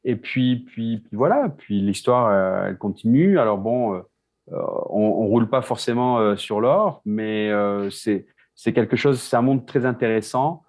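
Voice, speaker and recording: Halting French man telling his story. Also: medium pitch, a little mellow. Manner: halting, many restarts and repeated words. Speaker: guest, beer business co-founder. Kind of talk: casual interview talk. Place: Mexico City.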